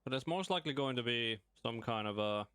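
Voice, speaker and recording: A man's voice: medium pitch, lively intonation, a little fast, fairly bright tone, clean tone, dry recording. A man chatting casually to himself as he plays a video game on stream, with mumbled asides. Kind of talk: casual gameplay commentary.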